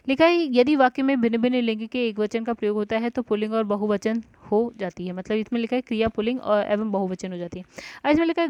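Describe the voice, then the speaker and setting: A woman's voice: on the high side, darkish tone, smooth, no room sound. Woman tutor, raised voice, works through answers aloud, dull dry recording. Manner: talks through answers aloud, often saying "ठीक है" and "guys". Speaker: teacher. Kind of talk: exam-prep grammar lesson.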